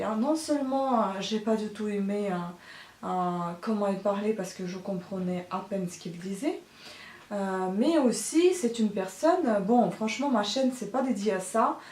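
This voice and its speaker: Speaking at medium pitch with a slightly mellow quality, this woman vlogger delivers a loose, halting monologue full of fillers and irritated grumbling. The mic sits at a distance and the room comes through clearly.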